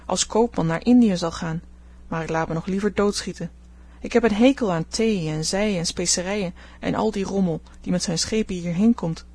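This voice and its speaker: A woman reading an audiobook, voicing an impatient, spirited teenage boy, excited and rebellious, with a slightly husky voice. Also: mid-range voice.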